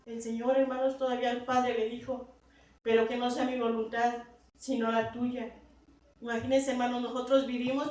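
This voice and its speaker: A woman's voice: on the high side, darkish tone. Echoey woman preaching in a church. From Latin America. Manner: repeats "hermanos" and "verdad" constantly, rising to emphatic peaks. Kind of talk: sermon. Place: church hall. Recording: very echoey hall, mic from far off, faint noise.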